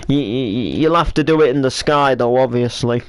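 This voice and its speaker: A man's voice: mid-range voice, fairly quick, clean tone. A man from East Yorkshire chatting casually and joking with a friend while playing a building game. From East Yorkshire, England. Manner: joking, rambling, many fillers. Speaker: gaming channel host. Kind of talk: casual chat while gaming.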